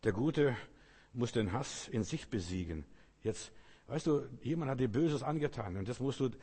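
Husky-voiced preacher in an echoing hall. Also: male voice, mid-range voice, lively intonation, normal speed, mellow. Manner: folksy, speaks directly to the listener as "du", repeats phrases. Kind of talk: informal sermon. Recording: long reverb, as in a hall.

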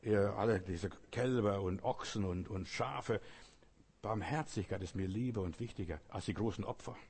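A man delivers a casual, folksy sermon, speaking straight to his listener and circling back over his own phrases. His voice is a bit husky and breathy. Each line rings out and lingers, as in a large reverberant hall. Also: fairly low pitch, normal speed, darkish tone. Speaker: preacher. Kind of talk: informal sermon.

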